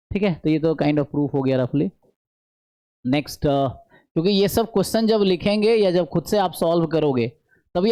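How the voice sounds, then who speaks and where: A man giving an online statistics lecture, explaining step by step, often checking in with the class and slowing down to dictate formulas. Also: fairly high pitch, mellow, clear, resonant tone. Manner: mixes English math terms into speech; slows to dictate formulas aloud. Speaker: statistics teacher.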